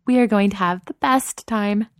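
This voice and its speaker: A woman voicing a bubbly, excitable young woman in a romance audiobook, gushing and eager. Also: medium pitch, dry recording, studio quality, pitched above the performer's own voice, lightly acted. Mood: excited. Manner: eager, gushing, rushing her words. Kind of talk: audiobook character voice.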